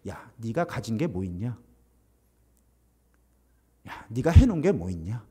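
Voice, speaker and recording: A man's voice: fairly low pitch, very animated, measured pace, warm tone, breathy edge, voice pushed down, full character voice. A man voicing a scornful male Satan, taunting in a mocking, sneering way.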